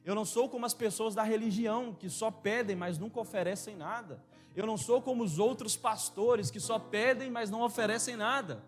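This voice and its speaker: A preacher speaking as a gentle, humble Jesus, in a softer, lowered voice. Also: male voice, a little fast, few pauses, soft background music, natural voice. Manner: soft and lowered, calm. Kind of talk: acted quote within a sermon.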